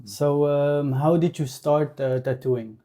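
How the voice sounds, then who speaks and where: A man with a Dutch accent hosting a casual interview, relaxed and filling his talk with "like" and short affirmations. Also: on the high side, slow pace. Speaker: podcast host and tattoo artist. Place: tattoo shop.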